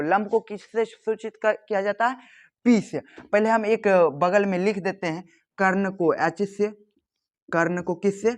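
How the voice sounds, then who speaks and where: A man teaching a maths lesson for board exams, asking questions and answering them himself with stretched, emphatic words. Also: high-pitched. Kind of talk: board exam tutorial.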